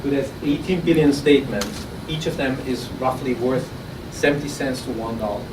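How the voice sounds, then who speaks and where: At normal speed, a man with an Austrian accent talks loosely through a live startup pitch, tripping over words, repeating them and starting over. He's captured from a distance in the roomy, echoing conference room of an innovation event. Underneath, the noisy recording carries a continual hiss of air and room sound.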